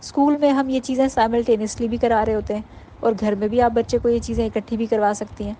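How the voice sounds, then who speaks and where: A woman giving an informal workshop talk to mothers, explaining patiently and sounding out letters slowly. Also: fairly high pitch, steady tone, mellow, a little hiss or hum, poor audio. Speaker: parenting workshop teacher.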